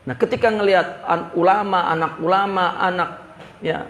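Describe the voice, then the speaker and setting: A man giving a religious lecture on a classical Arabic text, mixing Arabic phrases with lively slang. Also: high voice, normal speed. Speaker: religious teacher. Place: religious study gathering.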